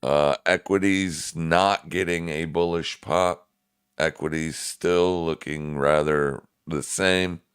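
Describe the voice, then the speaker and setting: With a steady tone and a very deep smoker's voice, a man runs a live trading stream, addressing viewers directly. His slow, smooth delivery has clean resonance, and his commentary is casual and slangy.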